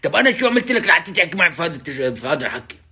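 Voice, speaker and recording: A man's voice: fairly high pitch, very animated, racing, bright, forceful tone, slightly rough. A man with a Levantine Arabic accent on a casual prank call, stammering evasively and repeating himself.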